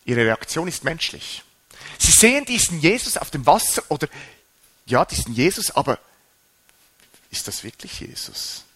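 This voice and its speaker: A man preaching a sermon, animated, his voice rising and dropping sharply for emphasis. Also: fairly high pitch, normal speed, husky.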